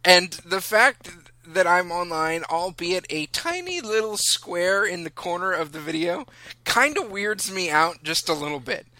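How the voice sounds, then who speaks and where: A man's voice: sits high, lively intonation, a little slow, pushed and bright, no room sound. A man hosting a casual podcast from a room in his house, chatty and self-deprecating, rambling with restarts. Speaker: podcast host.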